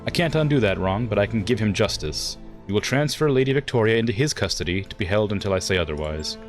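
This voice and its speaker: A man's voice: fairly low pitch, expressive, quick pace, faint music behind, natural voice. A man voicing a wounded but resolute noblewoman leader in a video game, speaking formally and earnestly. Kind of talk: reading game dialogue aloud.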